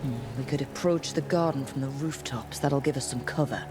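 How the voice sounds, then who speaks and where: Voicing a cool, observant detective in a fantasy video game, a woman with a bass voice thinks aloud tersely and matter-of-factly. She sounds focused and deducing, speaks briskly, and there is background noise.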